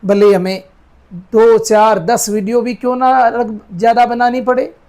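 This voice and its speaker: A man's voice: very high voice, little pitch movement, a little mellow. A man teaching an English grammar class, explaining step by step, calling his students "beta" and often checking whether they understood. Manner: explains step by step, slowly repeating sentences word by word; calls students "beta", asks checking questions.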